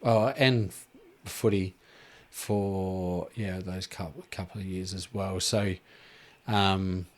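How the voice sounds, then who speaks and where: A man, hosting a casual podcast chat in a relaxed, rambling way with lots of fillers. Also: low-pitched, slow pace. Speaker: podcast host.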